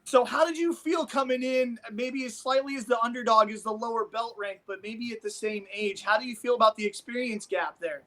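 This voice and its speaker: Brisk and nearly pauseless, his very high voice sounds pushed and bright. The speaker, from Omaha, Nebraska, rambles enthusiastically like a coach while giving casual commentary on martial arts sparring.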